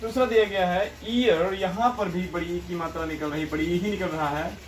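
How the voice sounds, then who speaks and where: Male teacher, fairly high voice, patient word-by-word pronunciation lesson, faint hiss behind. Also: poor audio. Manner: slow, repetitive, explains word by word. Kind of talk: classroom-style explanation over a board.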